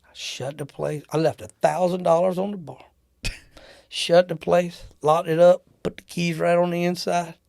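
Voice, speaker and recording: Man guest, gravelly storyteller, animated, dry close mic. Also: a little high, dry recording. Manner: animated, acts out the people in his stories. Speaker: interview guest telling war-era travel stories. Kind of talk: casual storytelling.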